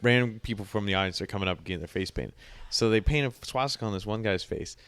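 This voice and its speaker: A man's voice: fairly low pitch, fast, fairly bright tone, clear, resonant tone, dry recording. A man hosting a casual podcast, telling a rambling story with lots of fillers. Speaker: podcast host.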